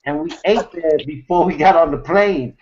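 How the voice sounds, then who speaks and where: A man with a high, light voice tells a long story in loose, casual talk, stopping and restarting often. His voice comes through a video call with muffled, lo-fi sound. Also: moderate pace, darkish tone. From New York City, USA. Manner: rambling, many fillers and restarts. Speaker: host of an online hangout.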